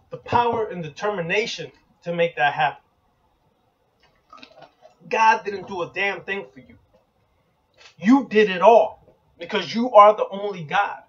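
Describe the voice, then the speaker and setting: The host of an occult channel, a man whose voice sits high with a fairly bright tone, preaches bluntly and emphatically. He repeats slogans and sometimes swears, and the recording sounds dull and lo-fi.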